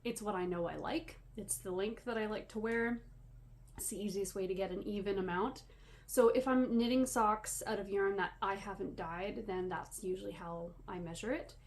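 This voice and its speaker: A woman's voice: medium pitch, fairly even intonation, moderate pace. A woman chatting casually as a podcast host, slightly wheezy and short of breath, with rambling, self-deprecating asides. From Canada. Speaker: podcast host and yarn dyer. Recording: clear background room noise.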